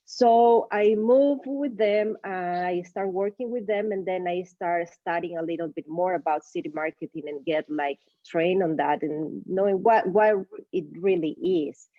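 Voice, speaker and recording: A woman's voice: lowish voice, dark tone, no room sound, muffled recording. A middle-aged woman from Ecuador, a native Spanish speaker, telling her career story as an interview guest in an easygoing way with some non-native grammar. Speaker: guest, marketing business owner.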